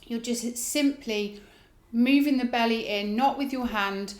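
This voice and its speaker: A woman teaching a yoga breathing technique, explaining it informally and guiding gently with soft phrase endings. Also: fairly high pitch, a little slow, a little hiss or hum. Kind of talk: instructional demonstration, casual explaining. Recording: roomy, echoing indoor sound.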